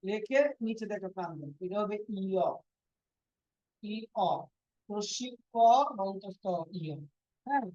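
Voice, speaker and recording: A woman's voice: mid-range voice, slow, pauses often, a little mellow, no echo. A woman teaching a classroom lesson, going over each point and asking her students to repeat it back. Her voice sits in an ordinary middle range. The recording is dull and lo-fi, and very dry. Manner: drills students with repeated quiz questions. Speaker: language teacher.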